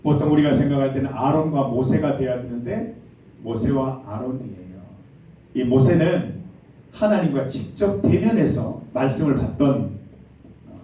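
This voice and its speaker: A man's voice: mid-range voice, warm tone, a little hiss or hum. A man preaching a sermon as youth pastor, often putting questions to his listeners. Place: church sanctuary. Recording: very echoey hall, mic far off.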